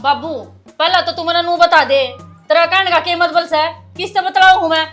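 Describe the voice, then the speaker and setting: An actress playing a defiant, high-voiced Haryanvi daughter. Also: female voice, steady tone, normal speed, fairly bright tone, soft background music. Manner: argumentative, defiant.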